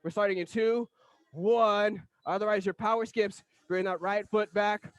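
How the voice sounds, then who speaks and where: A man coaching a fitness class as an energetic, motivational aerobics instructor, calling out exercise cues and countdowns. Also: high voice, a little slow, clean tone, no echo.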